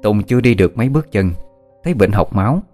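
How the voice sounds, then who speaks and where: Deep-voiced male ghost-story narrator. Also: lively intonation, quick pace, darkish tone, soft background music.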